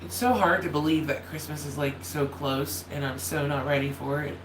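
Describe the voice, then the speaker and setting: A YouTuber hosting a holiday livestream drifts through casual, rambling chat in a mid-range, nasal voice that cracks a little, with fairly even intonation and a moderate pace. They often stop to apologize or restart. The room sounds echoey, with a space heater humming faintly behind.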